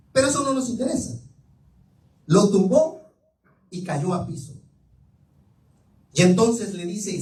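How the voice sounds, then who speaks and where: A man's voice: high voice, darkish tone. A man preaching a sermon in a church, telling a story with fervent, dramatic emphasis. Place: church sanctuary. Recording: echoey room, mic far off.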